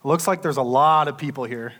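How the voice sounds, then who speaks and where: A man playing Joseph, a caring young husband in a church nativity play, speaking gently and reassuringly. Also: medium pitch, fast talker, lightly acted.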